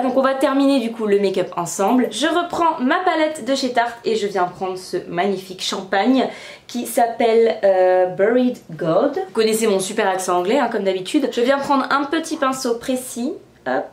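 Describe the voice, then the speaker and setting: A woman's voice: on the high side, lively intonation, moderate pace, reverberant. A young woman casually narrating a makeup tutorial step by step at home, chatty, with frequent fillers. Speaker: beauty vlogger. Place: room at home.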